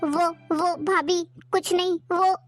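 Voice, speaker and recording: A woman playing a meek, fearful young sister-in-law who answers softly and pleads. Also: very high voice, steady tone, slow pace, faint music behind. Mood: panicked. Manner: timid, pleading, hesitant. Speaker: performer in a family skit. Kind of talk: amateur family drama acting.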